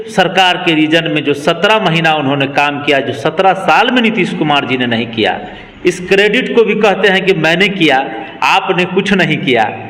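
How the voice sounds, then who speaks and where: A man's voice: a little high, a bit bright. A man in his twenties, a local party worker, speaking emphatically in a political interview. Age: 20s. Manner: emphatic, rallying speech cadence. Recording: long reverb.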